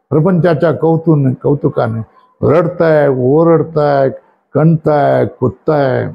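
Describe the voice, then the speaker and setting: A man's voice: fairly high pitch, vocal fry, dark tone, muffled recording. A male spiritual teacher giving a scripture class, constantly questioning his students and telling them to number and underline passages. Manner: asks the class constant questions and checks for agreement.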